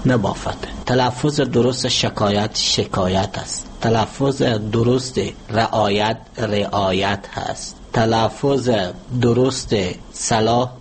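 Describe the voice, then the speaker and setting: A man, speaking as a language expert in an interview and explaining spelling and grammar in a measured, teacherly way with worked examples. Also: mid-range voice, a little hiss or hum. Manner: measured, didactic, gives word examples. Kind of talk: formal explanatory interview answer.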